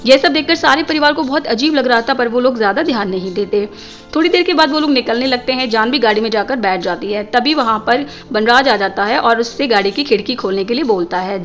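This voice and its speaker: A woman's voice: on the high side, muffled recording. A woman narrating a scripted film recap, addressing viewers as guys.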